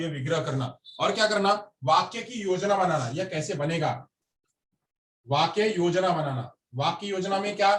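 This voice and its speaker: A man's voice: sits high, fairly bright tone. A man teaching a class, repeating each term and asking and answering his own questions. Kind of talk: classroom lecture. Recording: echoey room, mic at a distance.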